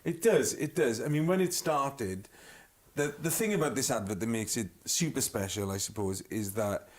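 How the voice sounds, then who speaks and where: A man's voice: mid-range voice, lively intonation, moderate pace. A man with a Welsh accent, a singer guesting on a chat show, telling stories with lots of laughter. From Wales. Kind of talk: anecdotal chat show storytelling.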